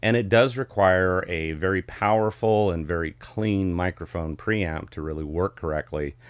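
A middle-aged man chatting casually as a vlog host, with the warm, rich sound of a vintage ribbon mic in a home studio. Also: deep voice, normal speed, dry recording. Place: small home studio with curtain backdrop. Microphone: studio ribbon microphone close in front.

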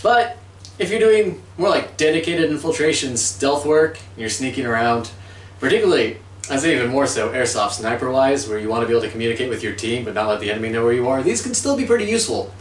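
Talking fast and expressively in a mid-range voice, a middle-aged man reviews airsoft gear for his channel in a casual, joking way. He's indoors in a small furnished room at home, and the distant camera, a few steps off, picks up a roomy echo.

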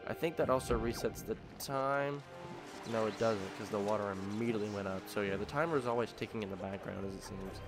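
Game music plays beneath a man whose fairly quick, low-leaning voice carries a slight allergy-induced nasality. As a let's play host, he gives relaxed commentary on the game, musing aloud and saying um a lot.

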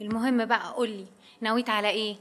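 A woman's voice: on the high side, fairly even intonation, fast, fairly bright tone. An actress playing a devoted middle-aged mother with an Egyptian accent, pleading and soothing. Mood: tender. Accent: Egyptian Arabic.

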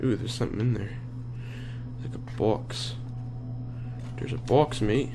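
A man's voice: on the low side, measured pace, gravelly, background noise. A scared, sweary man giving live commentary as he plays a horror game, muttering and exclaiming. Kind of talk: horror let's play commentary, reacting live while playing.

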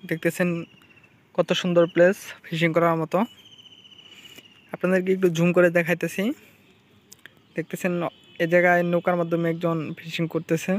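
A man from Bangladesh filming a casual fishing vlog outdoors by a river on a handheld phone, plainly pointing out spots to viewers and repeating himself. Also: high voice. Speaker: fishing channel vlogger.

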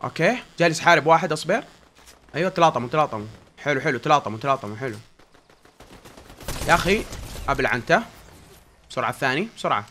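A young man commentating his own gameplay, swinging between yelling and pleading in tense moments and quiet muttering when things calm down. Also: fairly high pitch, a little hiss or hum. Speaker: gaming YouTuber.

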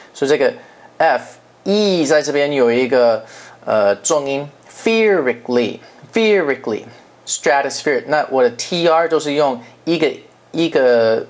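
A man teaching English pronunciation, explaining patiently and slowly repeating words to demonstrate their sounds. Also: mid-range voice. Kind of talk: pronunciation lesson.

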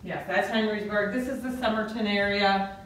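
A woman gives an informal guided tour as a museum guide, explaining exhibits piece by piece with some hesitation. Her voice has an ordinary middle pitch. The room echoes heavily, with faint background noise. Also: fairly even intonation, normal speed, a bit bright. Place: indoor museum rooms. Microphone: handheld camera, off-screen speaker.

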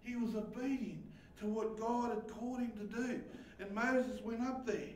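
A high-pitched man preaches a sermon in a church hall. He moves from quiet asides to loud, emphatic lines and chuckles now and then. His voice rings through a roomy space and is picked up from some way off the mic. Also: steady tone, normal speed, slight background noise. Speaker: pastor. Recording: echoey hall, voice from far off.

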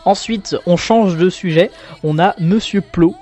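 A man's voice: high-pitched, measured pace, soft background music. Casual self-mocking young Frenchman. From France. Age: young adult. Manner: relaxed, self-mocking, many fillers. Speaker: artist showing his sketchbook. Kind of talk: casual commentary.

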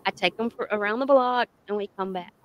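A woman's voice: mid-range voice, brisk, a little hiss or hum. A woman hosting a casual chat, chatty and encouraging as she listens and tells her own stories. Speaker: host.

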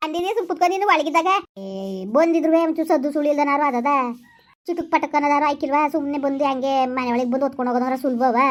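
A sorrowful village woman, played by a woman in a rural family drama, lamenting her loss and scolding and soothing her relatives in turn. Her voice sits high and the words tumble out quickly. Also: close to an everyday voice.

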